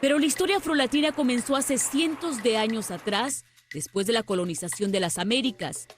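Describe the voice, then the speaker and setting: A woman's voice: on the high side, fairly quick, faint music behind. A woman reporter reading scripted narration for a television news feature.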